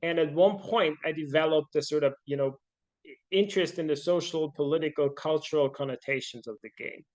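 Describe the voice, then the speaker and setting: A man's voice: on the high side, fairly quick, darkish tone. A middle-aged man from Austria, a podcast guest talking casually and thoughtfully, with many fillers and restarts. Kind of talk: casual interview talk.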